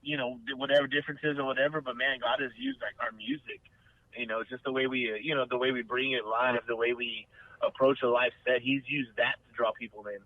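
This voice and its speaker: A man talks earnestly as an interview guest, circling back with restarts and fillers. His voice comes through a tinny, phone-like line with no room sound, and his pitch sits mid-range. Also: animated, a little fast, gravelly, no echo. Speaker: band member guest. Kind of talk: casual interview chat. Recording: dry, phone-like remote line.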